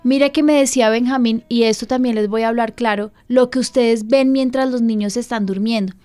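Woman pastor-host, earnest and pleading, slightly high voice. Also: fairly even intonation, a little fast, dark tone.

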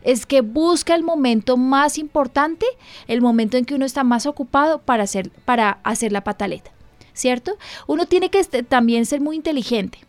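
A woman's voice: sits high, moderate pace, dry recording. A woman pastor hosting a radio program, giving emphatic, earnest parenting advice in a conversational way. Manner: earnest, emphatic, acts out dialogue with her child.

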